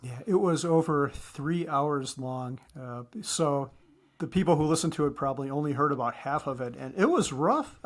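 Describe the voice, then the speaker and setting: A man co-hosting a podcast in casual chat, talking fast and often repeating words as he restarts. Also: on the high side, lively intonation. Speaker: podcast co-host.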